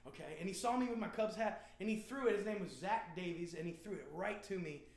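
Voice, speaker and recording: Speaking quickly in a high voice, an Indiana man keeps up joking banter with viewers on a band's live stream, spinning stories in playful slang. The sound is roomy, with noticeable echo.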